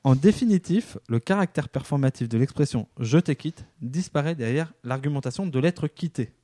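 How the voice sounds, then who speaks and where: Man with a dry, lively comic delivery. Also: a little high, no room sound. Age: under 50. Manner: lively, acts out quick dialogue in different voices. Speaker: columnist. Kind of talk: comic spoken column.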